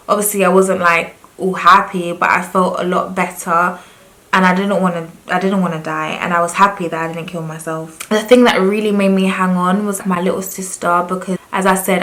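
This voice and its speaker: A woman's voice: medium pitch, a bit bright, low-quality recording. A young woman talking candidly and earnestly to camera in a personal confessional vlog. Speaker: vlogger.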